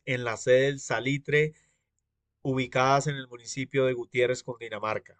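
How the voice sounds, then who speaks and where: A man presents his part of a graduate thesis in a formal, measured way. His voice is mid-pitched, and the recording is close and dry. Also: no room sound. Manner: measured, reads out structured points. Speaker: master's degree candidate presenting his thesis.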